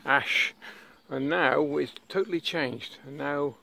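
A man's voice: on the high side, slow pace, gravelly, sharp tone. A middle-aged man, chatting casually on a forest hike and pointing out what he sees with plenty of enthusiasm. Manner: enthusiastic, rambling, points things out on a walk. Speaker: vlogger. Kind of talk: casual outdoor narration. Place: forest, outdoors. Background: birdsong and forest ambience.

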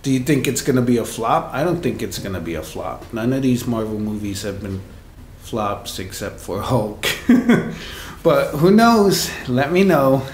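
A man's voice: medium pitch, animated, a little slow. A man in his thirties chatting casually in a vlog, rambling with lots of fillers, filmed on a phone held at arm's length in a small room. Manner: chatty and rambling, with many fillers and soft chuckles. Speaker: vlogger. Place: small indoor room with hard walls. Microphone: phone camera held at arm's length. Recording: echoey small room, noisy background.

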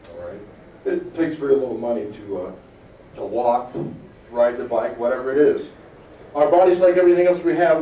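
A middle-aged man gives a motivational fitness seminar to a live audience. He is energetic and keeps checking in with the crowd. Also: mid-range voice, a little hiss or hum. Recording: echoey room, distant mic.

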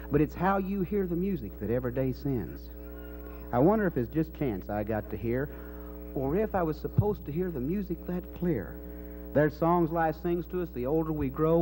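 Speaking in a folksy cowboy drawl, a middle-aged Kansas man performs cowboy poetry live into a microphone on a stand, standing on a dark indoor stage. His voice sits at medium pitch with a dark tone, and the low-quality recording has faint noise and hum.

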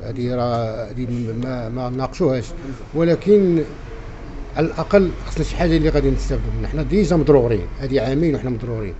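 A man's voice: medium pitch, expressive, racing, mellow. A man in his forties with a Casablanca Moroccan accent, complaining emphatically and repeating himself in a spontaneous interview. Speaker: café owner being interviewed. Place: inside a small café, behind the counter. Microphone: handheld reporter microphone. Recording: muffled sound with faint background noise.

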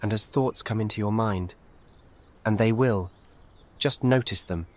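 With a fairly low pitch, a man delivers scripted guided-meditation narration, staying calm and measured as he gives short, gentle, soothing directions.

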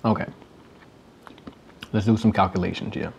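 A man's voice: lowish voice, fairly even intonation, moderate pace, vocal fry, darkish tone, a little hiss or hum. A young man in a casual vlog, reading an article aloud and commenting wryly while eating cereal. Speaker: YouTuber.

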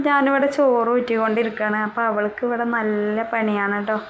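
A woman's voice: fairly high pitch, little pitch movement, brisk, slight background noise, rough recording. Chatty young woman narrating her day. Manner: chatty, often adding a tag word at the end of a sentence. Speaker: vlogger. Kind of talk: casual voice-over narration of daily chores.

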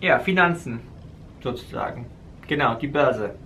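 Bright-voiced young German man teaching. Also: mid-range voice, animated, moderate pace, slight background noise. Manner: patient, corrects gently, laughs often. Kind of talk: casual chat, language lesson. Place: hotel bedroom, indoors.

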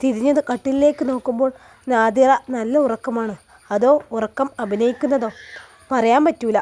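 A woman narrating a story in a calm, measured way, with a Malappuram Malayalam accent. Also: fairly high pitch.

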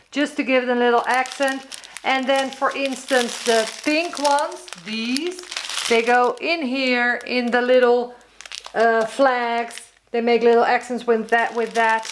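A woman with a high, light voice chats slowly and warmly to her viewers in a casual unboxing vlog, describing each piece as she holds it up. The room sounds echoey, and there is faint noise in the background. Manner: chatty, addresses viewers as guys, describes items as she shows them. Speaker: crafting vlogger.

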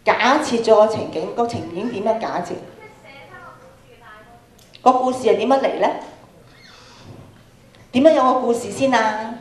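This radio drama trainer, a woman with a Hong Kong Cantonese accent, leads an interactive lecture in a large school auditorium, asking students questions and repeating phrases to stress them. She holds a microphone and talks a little slowly in a fairly high voice, leaving long pauses, with echoey PA audio.

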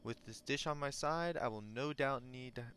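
A lonely, wistful old hermit, read out by a man playing the game. He speaks slowly and earnestly, with a hint of theatre, and steady game noise runs behind him. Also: medium pitch, natural voice. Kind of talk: reading game dialogue in a put-on voice.

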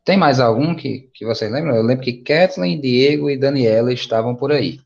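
A man with a Brazilian Portuguese accent leads an online English lesson, patient and encouraging in a relaxed, casual tone. His voice has a gravelly edge. The video-call audio sounds dull and lo-fi. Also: medium pitch, normal speed. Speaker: English teacher. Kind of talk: online class teaching.

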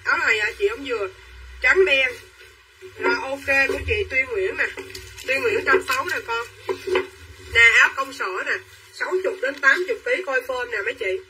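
A young woman selling clothes on a livestream, talking quickly and pushing viewers to claim items. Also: high-pitched, distant mic, background noise. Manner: quick and pushy, urging buyers to claim items. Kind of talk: live-selling chatter to viewers.

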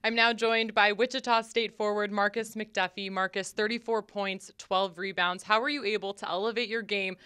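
A woman working as a sidelines reporter, asking crisp, scripted post-game questions. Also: medium pitch, fairly even intonation, normal speed, hardly any pauses, bright, forceful tone, no echo, clean studio sound.

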